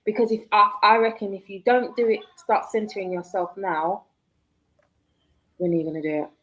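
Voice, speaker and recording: A woman's voice: medium pitch, steady tone, normal speed, fairly bright tone, poor audio. A woman, chatting casually as a guest author, reflective and laughing often. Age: 40s. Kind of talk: casual live chat.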